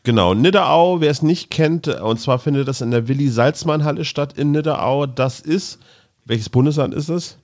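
A man with a somewhat high, slightly mellow voice co-hosts a podcast, speaking at a moderate pace. He chats casually and tells anecdotes in an easygoing manner.

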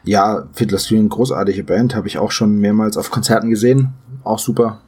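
Husky-voiced franconian guy, teasing banter on a podcast. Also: fairly low pitch, steady tone, normal speed, a little mellow. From Franconia, Germany. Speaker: podcast co-host. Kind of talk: casual chat.

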